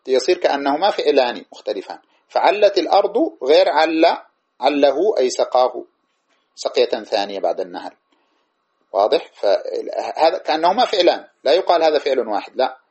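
A man giving a lesson on a classical grammar text, reading verses slowly and then explaining them plainly, often checking that listeners follow. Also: medium pitch, big pitch swings, a little mellow, slightly rough, dull audio.

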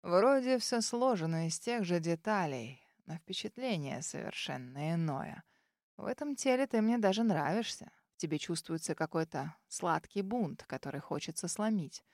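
A cruel, arrogant male dragon speaks in a low, rough and scratchy voice, put on by a woman reading a fantasy audiobook. His tone stays icy and menacing, quick to turn into a snarl. The recording is dry and close. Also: animated, darkish tone, dry recording. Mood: cold menace.

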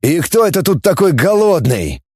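A man doing a blunt commander barking orders, sarcastic and tough, mellow voice, dry audiobook sound. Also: fairly high pitch, big pitch swings, normal speed, slightly rough, dry recording, voice pushed up. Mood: commanding. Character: gruff tough male space-fleet coordinator, blunt and mocking.

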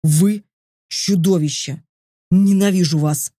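A woman's voice: moderate pace, no room sound, clean studio sound, lightly acted. A woman reading the lines of a frightened young heroine in an audiobook, her voice lifted in pleading and indignation. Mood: defiant. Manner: pleading and indignant, raised pitch.

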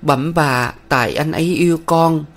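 A man's voice: on the high side, normal speed, a bit bright, pitched above the performer's own voice. A man voicing a timid, tearful young village woman who pleads in a trembling voice in a read-aloud novel. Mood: pleading.

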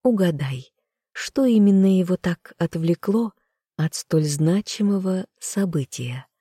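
A woman's voice: lowish voice, animated, unhurried, dark tone, husky, no room sound, studio quality. A woman reading an audiobook, voicing a smug, treacherous young noblewoman with a purring, giggling, haughty delivery. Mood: gloating.

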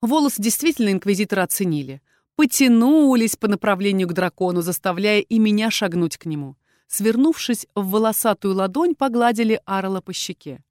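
A woman narrating a fantasy audiobook in an expressive, lively reading style. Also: mid-range voice, brisk, no echo, studio quality.

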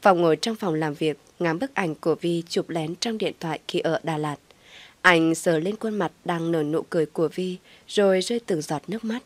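A woman narrating a dramatic audio story in a steady, measured way. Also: on the low side, no echo.

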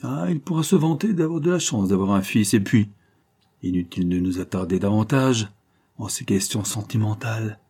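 A man's voice: lowish voice, expressive, moderate pace, darkish tone, breathy edge. A man reading an audiobook voices a scheming, ruthless female adventuress who gives orders in an imperious, gloating manner. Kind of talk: audiobook character voicing.

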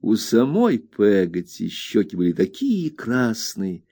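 A man narrating an audiobook in an expressive storytelling manner. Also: lowish voice, takes it slowly, vocal fry. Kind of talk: scripted narration.

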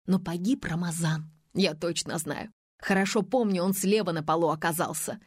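A woman's voice: fairly low pitch, fairly even intonation, normal speed, husky, dry recording, clean studio sound. A woman reading an audiobook, voicing a brazen, scheming young mother who talks back defiantly. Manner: defiant, cocky.

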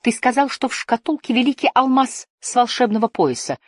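A woman's voice: fairly low pitch, lively intonation, moderate pace, no echo, clean studio sound. A woman voicing a teenage boy hero, heated and accusing, his voice trembling. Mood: furious.

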